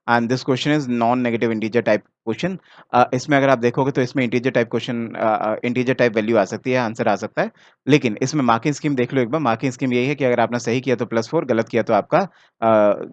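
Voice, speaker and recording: A man with an Indian accent and a mid-range voice teaches chemistry, working through exam solutions step by step and mixing English terms into his speech. He speaks directly to the student, often checking "ठीक है ना," and the mic sound is dry and slightly dull with no room sound.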